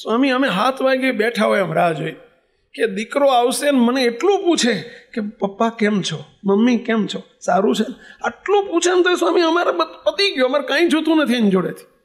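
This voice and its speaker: A man with a very high, expressive voice speaks at normal speed, playing a heartbroken father in his sixties in a sermon story. Through tears he pleads, his sobbing complaint full of tearful begging.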